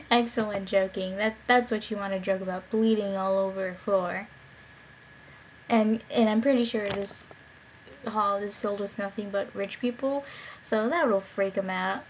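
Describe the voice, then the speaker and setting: A woman's voice: mid-range voice, measured pace, slight background noise, poor audio. A tired woman who reads a romance visual novel aloud and breaks off into giggly, self-mocking commentary. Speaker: let's play host. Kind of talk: casual let's play commentary and reading aloud.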